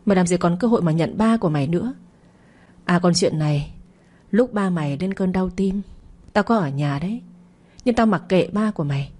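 A scheming middle-aged stepmother sneers and mocks in a story drama, as a woman narrator puts her on. Her lines come out quick, and the warm, breathy voice is pitched a little higher than the narrator's own. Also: expressive. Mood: mocking. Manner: mocking, scornful.

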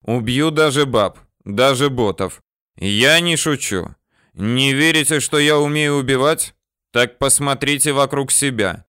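A man voicing a ruthless gunman who shouts slow, loud threats at a room. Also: mid-range voice, expressive, clean tone, no room sound, studio quality, voice pushed up. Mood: menacing. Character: hard, ruthless gunman, man, calm menace.

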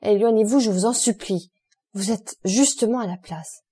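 A frightened, superstitious male servant begging his master in loud, agitated pleas, as a woman reads him in an audiobook. Her tone stays mellow and breathy even as the voice rises. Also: mid-range voice, normal speed. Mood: frightened pleading. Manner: fearful, pleading, agitated exclamations. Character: terrified male steward, superstitious and pleading.

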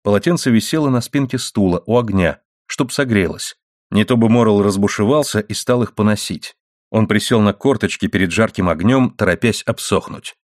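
A man reading a novel aloud in a steady, even storytelling manner. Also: on the low side, moderate pace, no echo, studio quality. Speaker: audiobook narrator. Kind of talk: scripted novel narration.

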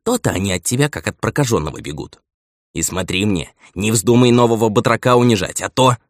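A crusty old steward, patient until he snaps into a stern scolding, as a male narrator puts him on. The delivery swings widely in pitch and sits in a dry, close sound. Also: expressive, brisk, no echo. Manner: nagging, lecturing elder.

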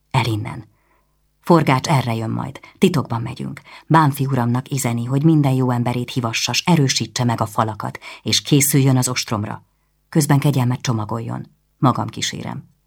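Woman voicing a hurried male courier. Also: extremely low pitch, vocal fry, darkish tone, breathy edge, full character voice. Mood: urgent. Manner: hurried, clipped orders. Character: urgent male courier of a prince.

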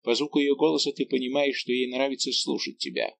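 A man voicing a scheming young nobleman who taunts and quickly flares into anger. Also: mid-range voice, big pitch swings, vocal fry, voice pushed up. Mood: insinuating. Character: scheming young nobleman, mocking and hot-tempered.

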